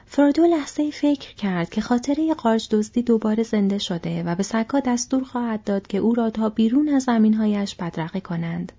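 A woman narrating an audiobook in a steady, measured reading voice. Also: a little high, slightly rough, muffled recording. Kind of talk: scripted narration.

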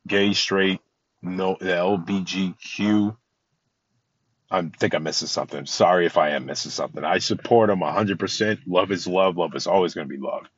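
A man's voice: deep voice, moderate pace, no room sound, highs cut off. A man hosting a podcast, talking casually and from the heart about love and surprises, rambling with many restarts and sounding tired. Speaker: podcast host. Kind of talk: casual motivational talk.

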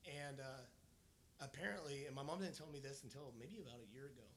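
Man, casual storytelling, rambling, fillers, mid pitch, faint background rumble. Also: quick pace, a bit bright. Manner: rambling, frequent fillers and restarts.

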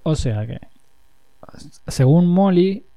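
An Argentine man co-hosting a podcast, joking his way through tangents. His tone is mellow and dark, and the recording sounds dry and close, with no room in it. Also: high voice, expressive, slow, no room sound. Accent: Argentine Spanish. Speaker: podcast co-host. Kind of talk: casual chat.

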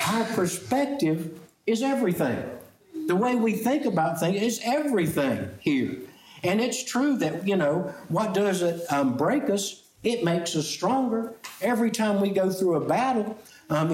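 A man preaching a sermon, telling stories with slow, emphatic lines and frequent fillers. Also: high-pitched, a little mellow, echoey room, poor audio. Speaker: pastor.

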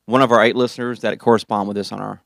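A man's voice: lowish voice, fairly even intonation, racing, gravelly, a bit bright, dry recording. A man hosting a casual podcast chat with his team, laughing often and restarting his sentences. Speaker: podcast host.

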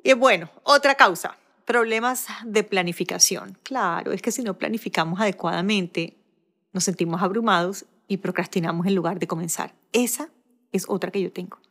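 Solo podcast host, middle-aged woman, Barranquilla Colombian accent, quick and chatty, self-deprecating. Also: mid-range voice. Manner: warm conversational, fast-talking, self-deprecating asides.

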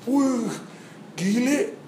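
A man from Papua telling a personal testimony story to an audience, dramatic, acting out scenes and swinging between loud bursts and hushed asides. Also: very high voice, extremely slow, reverberant, a little hiss or hum. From Papua, Indonesia. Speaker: speaker giving a personal testimony.

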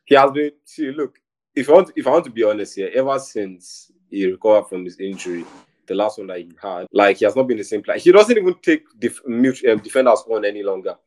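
A young man, co-hosting a casual football chat in a rambling, animated way. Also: fairly low pitch, fast talker. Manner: animated, rambling, says "bro" a lot. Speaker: podcast co-host.

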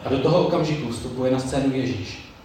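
Male preacher, measured sermon delivery, distant mic in a booming hall with a little ambience. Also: dark tone, a little hiss or hum. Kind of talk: sermon with Bible reading. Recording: very echoey room, mic far off, faint ambience.

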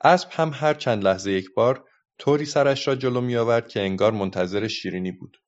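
A man reading a children's book aloud as a calm storyteller, in a dull lo-fi recording. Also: mid-range voice.

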